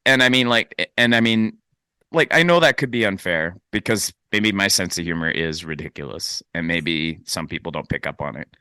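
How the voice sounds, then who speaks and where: A man's voice: low voice, moderate pace, bright, forceful tone, clean tone, no room sound, clean studio sound. A man chatting casually on a podcast, rambling with hesitant restarts and frequent laughs. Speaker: podcast host. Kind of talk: casual chat.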